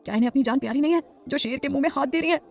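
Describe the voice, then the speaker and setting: A woman's voice: high voice, racing, gravelly, a little mellow. A woman voicing a nervous male office manager who stammers and hesitates in an audio story.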